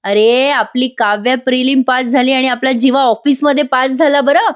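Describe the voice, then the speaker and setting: A woman's voice: high-pitched, steady tone, moderate pace, natural voice. A woman reading out the lines of a cheerful middle-aged man in a family serial, jovial and teasing.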